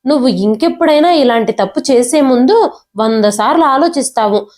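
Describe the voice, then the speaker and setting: A woman's voice: high-pitched, expressive, moderate pace, a little mellow. A woman voicing an angry, domineering young wife who harshly scolds her sister-in-law in a storybook reading. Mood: furious.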